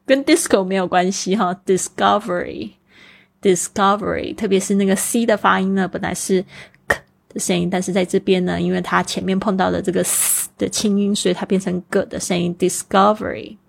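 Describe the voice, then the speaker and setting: A woman's voice: mid-range voice, steady tone, a little fast, vocal fry. A woman in her forties hosting a podcast English lesson, explaining pronunciation step by step and mixing Chinese with English. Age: 40s. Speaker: podcast host and English teacher.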